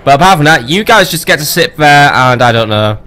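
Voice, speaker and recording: Rambling, swearing gameplay commentator. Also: male voice, a little high, animated, brisk, bright, forceful tone. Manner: rambling, swearing, joking asides. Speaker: let's play host.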